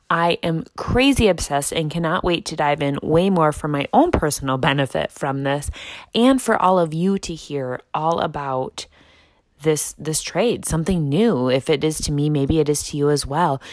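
A woman's voice: sits low, dry recording, studio quality. A woman with a Midwestern American accent hosting a podcast, opening the show and greeting her guest with gushing enthusiasm. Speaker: podcast host. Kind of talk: podcast intro and interview.

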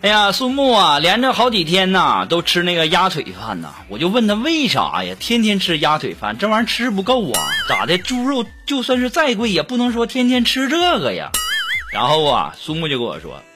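A man's voice: sits high, brisk. A young man, hosting a comic monologue and chuckling through his punchlines. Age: young adult. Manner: animated joke-telling, chuckling through punchlines. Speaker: host. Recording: voice over loud background music.

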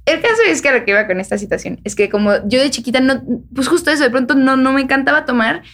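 A woman's voice: high voice, quick pace, a bit bright. A young woman with a Mexican accent, chatting casually as a podcast host and acting out what others said. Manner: chatty, acts out quoted voices. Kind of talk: casual chat.

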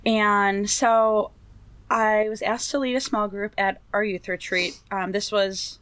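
A woman's voice: mid-range voice, little pitch movement, takes it slowly, a bit bright. A woman telling stories in casual chat, laughing often and acting out quotes.

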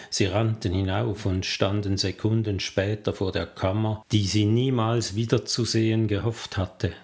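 A man narrating a story in a slow, unhurried tempo. His voice sits a little low, and his delivery is calm and measured, like an audiobook reader. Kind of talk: scripted narration.

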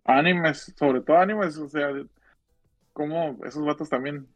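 A man's voice: on the high side, a little slow, no echo, faint music behind. A man with a northern Mexican accent chatting casually in slang as a podcast co-host, rambling and repeating his phrases. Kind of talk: casual slangy chat about films and music.

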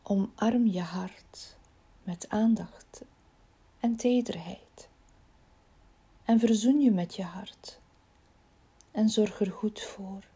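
A woman leading a guided body-scan relaxation in a slow, soothing, soft voice that often drops near a whisper. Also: medium pitch, husky.

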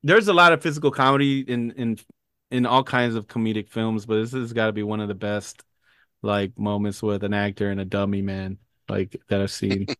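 A man's voice: on the low side, flat delivery, moderate pace, fairly bright tone, no echo, clean studio sound. A man co-hosting a movie podcast, rambling through casual chat with lots of fillers and casual swearing. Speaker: podcast co-host.

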